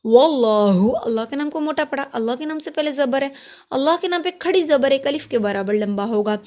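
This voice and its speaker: High-voiced woman teaching Quran recitation. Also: darkish tone. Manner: patient, explains each letter and rule step by step; chants drawn-out Arabic recitation. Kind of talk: tajweed lesson with slow recitation.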